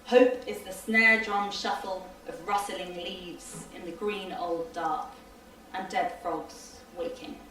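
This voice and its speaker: A woman's voice: lowish voice, fairly even intonation, slow, fairly bright tone. A woman reciting a poem at a live literary event, with a rhythmic, lilting delivery. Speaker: poet. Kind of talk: poetry reading. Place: hall at a live reading. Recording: echoey hall from far off, faint noise.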